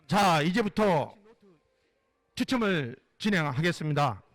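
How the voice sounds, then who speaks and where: Man, high-pitched, prize draw host, live event announcing, formal, polite. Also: very animated, unhurried, a bit bright, no echo.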